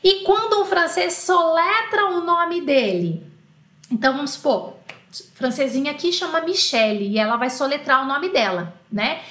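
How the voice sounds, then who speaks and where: An echoey room carries the high, slightly bright voice of a Brazilian woman teaching French online. Speaking with a Brazilian Portuguese accent, she explains patiently and spells out each letter slowly.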